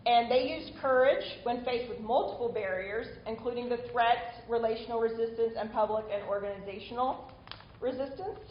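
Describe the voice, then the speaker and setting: A woman's voice: a little high, moderate pace, roomy sound, muffled recording, slight background noise. A woman instructor giving a recorded online lecture in a conversational way, often stopping for small asides.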